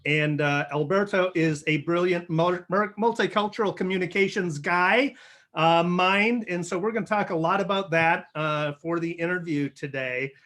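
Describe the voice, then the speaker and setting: A man hosting an interview show, friendly and halting, often restarting his questions. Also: high-pitched, fairly bright tone. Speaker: podcast host.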